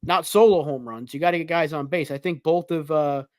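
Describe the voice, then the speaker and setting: A man with a slightly high voice co-hosting a sports podcast, chatting loosely with plenty of fillers. The sound is dry and close, with no room echo. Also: a little fast, darkish tone. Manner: conversational, lots of fillers like "like". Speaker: podcast co-host. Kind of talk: casual sports talk.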